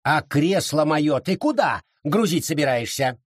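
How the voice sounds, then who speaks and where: A man's voice: a little high, animated, a little slow, husky, no room sound, studio quality. A man voicing a pompous, whiny old colonial judge who barks orders at everyone. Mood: indignant. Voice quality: whiny, imperious shouting.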